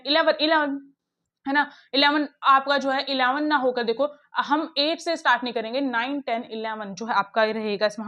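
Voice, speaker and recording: A woman teacher explaining puzzles step by step in a brisk, coaxing way, talking straight to her students. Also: high-pitched, pushed and bright, dull audio. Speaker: online teacher. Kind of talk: classroom lesson explaining puzzles.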